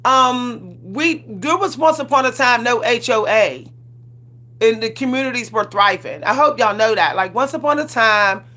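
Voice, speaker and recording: Here a woman in her 40s hosts a livestream, ranting in a casual, sassy, colloquial way with frequent laughter and repetition. Her slightly high voice is expressive, pushed, and bright, moving at a normal speed.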